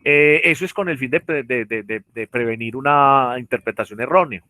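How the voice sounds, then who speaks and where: A man's voice: medium pitch, moderate pace, sharp tone, no room sound. A man teaching a virtual class, explaining step by step with many fillers and tag questions. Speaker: university lecturer. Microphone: computer mic on a video call.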